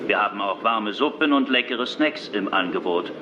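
A man's voice: lowish voice, animated, normal speed, natural voice. A man acting a formal, courteous train announcer, reading scripted messages to passengers. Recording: dull, noisy train PA sound.

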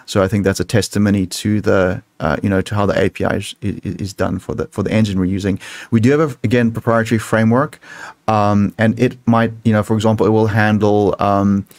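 A software developer answering audience questions on a video call, talking in halting sentences full of restarts. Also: male voice, on the low side, level tone, no room sound. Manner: halting, many restarts and fillers. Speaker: software developer speaking at a meetup. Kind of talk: casual tech talk Q&A.

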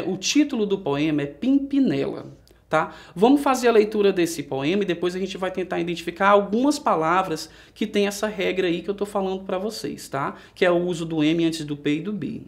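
A man with a Brazilian Portuguese accent teaching a recorded adult-education lesson, explaining patiently step by step and sounding out words slowly, syllable by syllable. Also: sits high, gravelly. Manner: patient, explains step by step, often checks with "né?" and "certo?".

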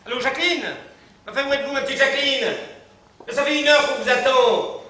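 A man's voice: very high-pitched, fairly even intonation, a little fast, bright, forceful tone. Man playing a flustered, fussy employee. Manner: polite, fussy and exasperated on the telephone. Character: flustered, deferential male household employee. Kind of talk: live stage comedy. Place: theatre stage. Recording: echoey theatre stage from far off.

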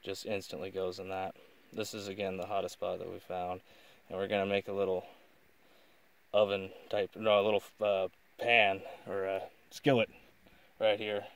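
A young man hosting a casual outdoor cooking demonstration beside a highway, explaining things in an easygoing, joking way. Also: level tone, moderate pace. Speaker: vlog host. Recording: noisy outdoor phone recording.

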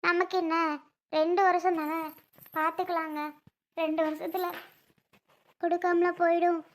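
A woman playing a gentle young wife who coaxes and comforts her crying husband. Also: very high-pitched, level tone, moderate pace. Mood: soothing. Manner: soothing, coaxing.

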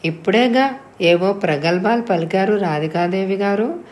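A woman voicing a courteous young man who teases gently and wryly. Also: medium pitch, normal speed, lightly acted. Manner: courteous, wry. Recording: echoey room.

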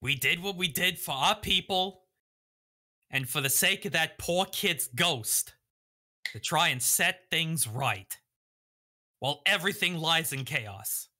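Male tabletop player, high and very bright, forceful, earnest in-character pleading with defiance. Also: animated, slow. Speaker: tabletop role-playing player. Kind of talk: impassioned in-character argument.

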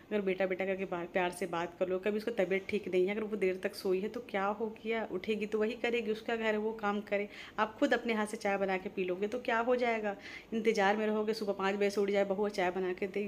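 A woman's voice: medium pitch, a little hiss or hum. Earnest pleading woman vlogger. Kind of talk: heartfelt monologue to camera.

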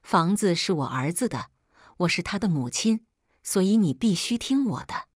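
A woman's voice: lowish voice, animated, moderate pace, no echo, studio quality. A woman reading a story, voicing a domineering, unreasonable mother-in-law in her fifties. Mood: angry, scolding. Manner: scolding, unreasonable.

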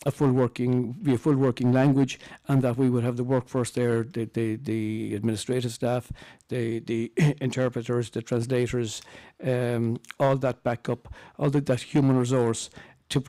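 A middle-aged man with an Irish accent, giving a loosely spoken conference presentation in halting, repetitive phrases into a table microphone. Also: medium pitch, level tone, dark tone, dry recording, studio quality. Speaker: campaign speaker on a panel.

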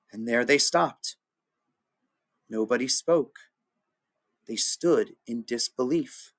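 A man, a teacher, reading a rhyming picture book aloud with an expressive, sing-song delivery. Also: fairly high pitch.

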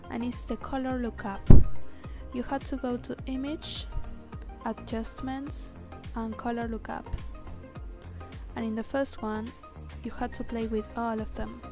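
Speaking a little high, a Spanish-accented woman whose native language is Spanish records a voice-over for her screen-captured software tutorial while music plays underneath. She goes slowly and carefully through the steps, hesitating with fillers along the way.

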